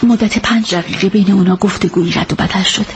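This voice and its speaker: In a radio drama dub, an actress with a mid-range, steady voice plays an earnest female witness, loyal to her friend, who gives a detective a careful statement about a night's events. The acting is light, and there's background noise.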